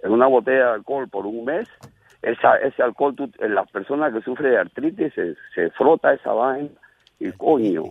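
Gravelly older Caribbean man calling in. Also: mid-range voice, lively intonation, moderate pace, no echo. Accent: Caribbean Spanish. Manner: streetwise, profane, slangy. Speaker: caller to a radio show. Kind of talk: casual rambling storytelling. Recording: radio call over a band-limited phone line.

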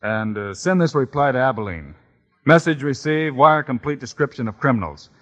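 An actor playing a steady, assured frontier marshal in an old radio western. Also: male voice, mid-range voice, normal speed, close to an everyday voice. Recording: dull old radio recording with reverb.

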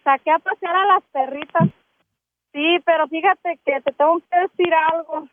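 High-voiced woman on a phone line. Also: normal speed, no echo. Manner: chatty, complaining, mock-apologetic. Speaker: caller pranking her husband. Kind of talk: phone call to a radio show. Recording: tinny phone line with faint hiss.

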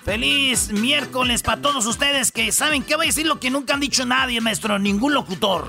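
A man's voice: very high voice, normal speed, vocal fry, over music. A man with a Mexican accent hosting a comedic news countdown, joking in slangy banter. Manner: joking, slangy banter, drops "güey" often. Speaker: radio show host.

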